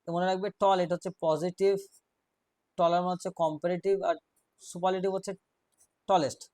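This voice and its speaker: A man teaching an English grammar class, explaining rules step by step, quizzing his students and reading example sentences out slowly. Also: high-pitched, steady tone, a little mellow, no room sound, clean studio sound.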